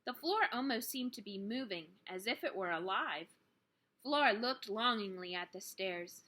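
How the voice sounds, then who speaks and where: With a medium-pitched, sharp voice and lively intonation, a woman teacher reads a story to young children at a moderate pace. Her delivery of the children's book is expressive, dramatic and emphatic.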